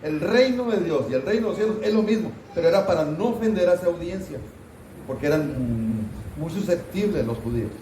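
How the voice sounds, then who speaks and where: A man teaching a Bible class in a chatty, questioning way, calling on his students and teasing them a little. His voice is mellow and sits a bit high for a man. He is heard from some distance in an echoing church room. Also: animated, a little fast, slight background noise. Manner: conversational, asks the class questions, mock scolding asides. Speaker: pastor teaching Sunday school. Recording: roomy church hall, voice from off-mic.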